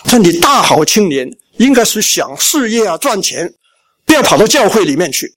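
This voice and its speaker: A man's voice: high-pitched, sing-song, moderate pace, fairly bright tone. A middle-aged male pastor from Shandong, telling his life story in a sermon and acting out the family talk. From Shandong, China. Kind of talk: sermon testimony.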